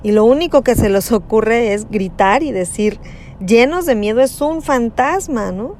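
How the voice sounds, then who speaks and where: A woman giving a slow, conversational reflection on a Gospel passage, often adding tag questions. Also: on the high side, animated, a little mellow, slight background noise. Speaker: preacher.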